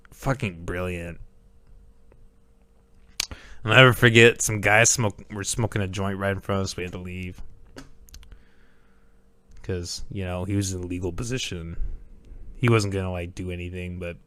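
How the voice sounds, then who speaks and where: A man's voice: lowish voice, sharp tone, dry recording. A young man hosting a solo podcast, rambling casually with lots of swearing and laughter. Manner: rambling, profane, laughs often. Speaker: podcast host.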